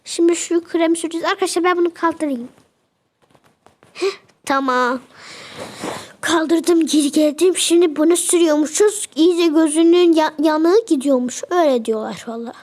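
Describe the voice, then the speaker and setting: A woman's voice: very high voice, moderate pace, darkish tone. A young woman chatting casually as she narrates a game, fretting and exclaiming as she goes. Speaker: game video creator.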